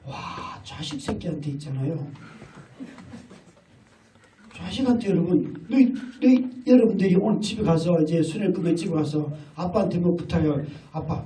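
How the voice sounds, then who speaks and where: A middle-aged male pastor with a fairly high, animated, mellow voice preaches at a normal pace in a large retreat hall, telling stories and acting out family dialogue. The recording is echoey, picked up from far away with faint noise.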